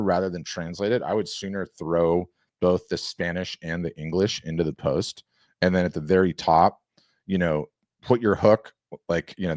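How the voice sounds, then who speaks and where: A man casually demonstrating a software tool, enthusiastic and rambling, often restarting his sentences. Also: low voice, dry recording, clean studio sound. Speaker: software demo host. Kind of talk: casual screen-share demo.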